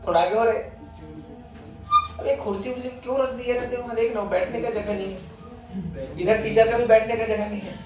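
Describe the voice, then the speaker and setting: High-voiced teacher in an echoey classroom. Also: male voice, fairly even intonation, fairly quick, pauses often, over music. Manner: teasing, quizzing students constantly. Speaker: physics teacher. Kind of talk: classroom lecture. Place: classroom with students. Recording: echoey classroom from far off, students murmuring.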